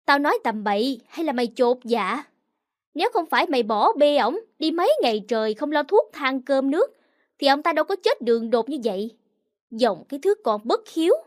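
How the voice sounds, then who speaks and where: A woman doing a loud, quarrelsome older village woman in a storybook, scolding coarsely in a high, shrill voice. The recording is close and dry, with no room sound. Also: big pitch swings, fairly quick, no room sound.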